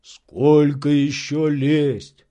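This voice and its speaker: A man reading an audiobook, voicing a sly old male servant who drawls loudly from far up. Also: fairly high pitch, flat delivery, dull audio. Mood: calling out. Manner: slow drawl, calls out from afar.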